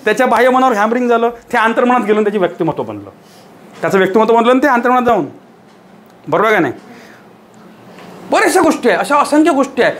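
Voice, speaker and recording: A man's voice: very high-pitched, big pitch swings, fast talker, pauses often, a bit bright. A man giving a motivational lecture to a live audience, firing rhetorical questions and hammering points home through repetition. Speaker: teacher giving a motivational talk.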